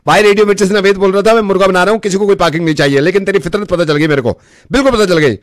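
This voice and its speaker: A man making a radio prank call, feigning confusion and then ranting loudly. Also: high voice, fairly even intonation, racing, no echo, studio quality.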